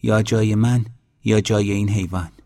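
A man's voice: on the low side, fairly even intonation, mellow, natural voice. A man voicing an agitated older village aunt who scolds her nephew, in a storybook reading. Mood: resigned.

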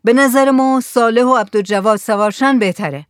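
A level-headed male boat captain, read aloud by an audiobook narrator gives clear orders to his crew. His voice sits at a middle pitch and sounds close and dry, without room echo. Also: lightly acted. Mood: steady.

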